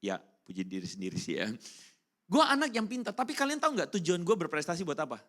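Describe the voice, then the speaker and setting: A man preaching a casual youth sermon in speech, slangy and animated, keeping up a run of rhetorical questions to the congregation. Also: high-pitched, fast. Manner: animated, keeps asking the crowd rhetorical questions; slangy and informal, breaks into English phrases. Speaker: youth pastor. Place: church hall during a service.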